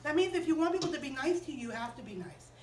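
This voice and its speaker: A woman telling a story to children in a chapel, animated and asking them questions as she goes. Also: high-pitched, fast talker, echoey room, far from the mic, a crowd in the background, low-quality recording. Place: chapel room.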